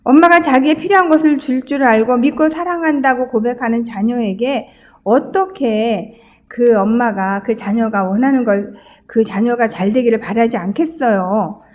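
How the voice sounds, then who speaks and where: A woman's voice: on the high side, darkish tone, highs cut off. A woman pastor giving a sermon, telling stories conversationally with frequent filler sounds.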